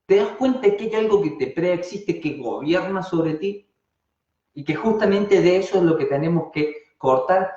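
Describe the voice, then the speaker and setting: A man with an Argentine Spanish accent teaching an online class, animated and constantly asking rhetorical questions and then answering them. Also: high-pitched, moderate pace. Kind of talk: live online class talk. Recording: dull, roomy sound.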